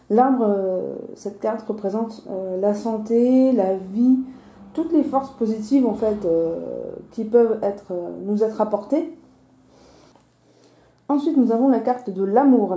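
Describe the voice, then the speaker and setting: Lisping woman with a very soft, mellow tone. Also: fairly high pitch. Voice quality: slushy lisp on s sounds. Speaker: host of a weekly card-reading video. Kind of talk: casual explanatory card reading. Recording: roomy, echoing sound.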